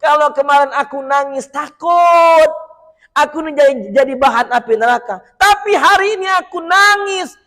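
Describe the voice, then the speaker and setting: A man voicing a weeping stone in a story sermon, pleading slowly and tearfully in a lowered voice. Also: fairly even intonation, a little mellow. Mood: tearful gratitude. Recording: long hall reverb.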